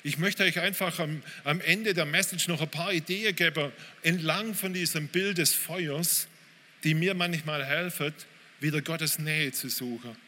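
A man's voice: a little high, unhurried, bright, forceful tone. Man preaching in a reverberant hall. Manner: informal, direct, addresses listeners with hey. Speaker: pastor. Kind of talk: sermon. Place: church hall. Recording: reverberant hall, faint room noise.

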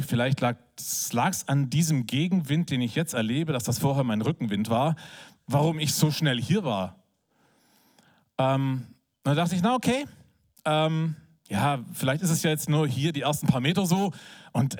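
A man preaching in a conversational, animated way, telling a personal story with filler words, then praying softly. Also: mid-range voice. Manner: soft, hushed prayer. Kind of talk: sermon with personal story and prayer.

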